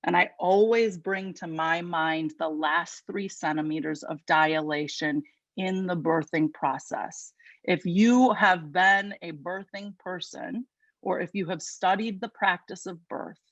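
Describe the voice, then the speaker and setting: A woman with a Chicago accent giving an inspirational talk as guest speaker at an online spiritual service, lively and conversational with quick asides. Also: on the low side, no room sound, highs cut off. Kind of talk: inspirational sermon.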